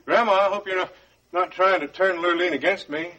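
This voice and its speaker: An actor playing a smug, gloating grandson in a television soap drama, mocking and laughing. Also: male voice, sits high, brisk, sharp tone, muffled recording, a little hiss or hum.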